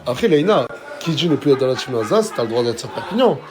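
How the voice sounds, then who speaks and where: A man's voice: medium pitch, big pitch swings, fast, music in the background. A man hosting a casual vlog, chatting in French suburban street slang. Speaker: host of the vlog. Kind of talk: casual spoken vlog chat. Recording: crowd chatter behind.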